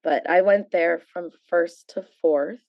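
Lowish-voiced middle-aged American woman. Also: slow pace, dry recording, lo-fi sound. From San Francisco Bay Area, USA. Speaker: interview guest. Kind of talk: casual personal storytelling.

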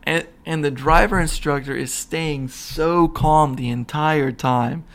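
Rambling, gravelly man. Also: a little high, takes it slowly. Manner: rambling with many fillers and restarts; laughs while retelling scenes. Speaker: podcast host. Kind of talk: casual movie talk.

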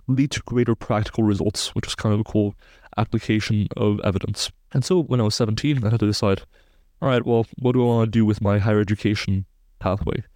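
As a podcast guest, a twenty-something sports science researcher from Belgium lays out studies precisely and technically. He has a lowish, darkish voice. There's no room sound, just a clean studio recording.

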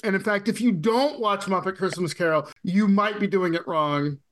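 A man's voice: high voice, moderate pace, fairly bright tone. A man playing in a podcast game, telling a chatty story with lots of "like". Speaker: game player, podcast guest. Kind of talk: casual chat.

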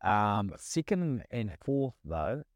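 A man with a broad Kiwi accent and a fairly low voice talks casually. He rambles, circles back over his own phrases and leans on laid-back slang. The sound is dry, with little room on it. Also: sing-song, slow pace, no room sound. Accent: New Zealand. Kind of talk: casual chat.

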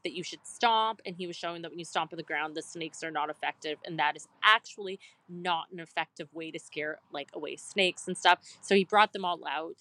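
Thirtysomething woman on a podcast, bright voice, rambles along with lots of "like", dry close sound. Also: on the low side, no echo. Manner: rambling storyteller, heavy use of "like". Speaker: podcast co-host. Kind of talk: casual podcast chat.

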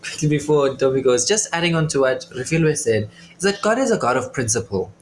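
Animated young co-host. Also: mid-range voice, a little fast, background noise. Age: young adult. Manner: animated and emphatic, with frequent affirmations. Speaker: podcast co-host. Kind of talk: casual faith discussion.

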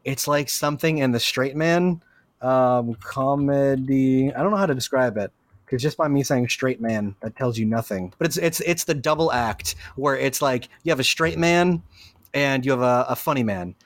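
A man co-hosting a podcast in casual chat, rambling and swearing, quick to jump into loud silly voices. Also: medium pitch, no echo. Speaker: podcast co-host.

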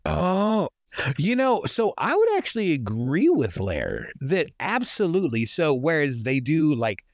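A man's voice: wildly swooping pitch, unhurried, dry recording, studio quality. A man co-hosting a casual film podcast, chatty and full of fillers. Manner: wide-swinging pitch, chatty with fillers. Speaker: podcast co-host.

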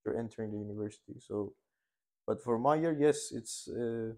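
Speaking in a warm voice on the low side at normal speed, a Persian-speaking Iranian man in his twenties, studying dentistry, gives hesitant interview answers. He often uses fillers and starts over.

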